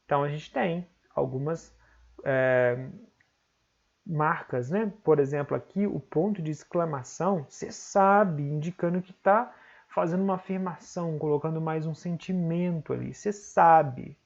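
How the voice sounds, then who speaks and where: A man with a Brazilian accent teaching an online exam-prep lesson, explaining step by step and often checking in with quick tag questions. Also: on the high side, vocal fry, highs cut off.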